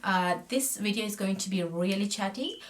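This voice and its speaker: A Sri Lankan woman in her thirties does her makeup while chatting to a camera just in front of her, speaking in a medium-pitched voice at normal speed. As a makeup vlogger she comes across as friendly and talkative, often drifting off mid-sentence, in a small, plain-backed indoor room.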